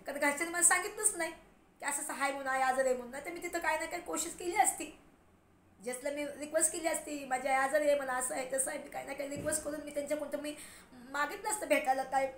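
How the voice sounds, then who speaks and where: Emotional village woman vlogging. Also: high-pitched. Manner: emotional, rambling, addresses viewers directly. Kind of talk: casual personal vlog. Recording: roomy echo, faint background noise.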